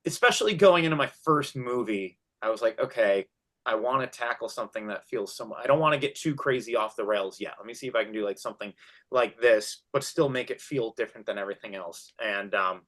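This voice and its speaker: A man's voice: medium pitch, a little fast. A man around thirty, a film director as a guest, chatting casually in an interview with lots of restarts and fillers. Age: 30s. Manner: animated, many restarts and fillers.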